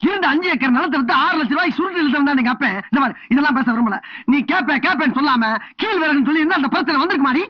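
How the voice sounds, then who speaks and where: A high-voiced, blustering village headman, quarrelsome and fond of repeating himself. The voice is dry and close, on a dull film soundtrack. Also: animated, rapid-fire, few pauses, no echo. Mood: bickering.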